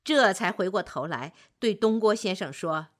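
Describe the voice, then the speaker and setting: A woman narrating a children's story in an expressive, deliberate way. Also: mid-range voice.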